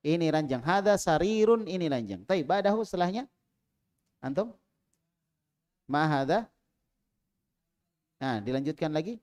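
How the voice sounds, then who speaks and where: A man teaching an Arabic class in a small prayer room, calling on students and drilling them, with loud prompts and quiet asides. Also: fairly high pitch, expressive, a little slow, pauses often.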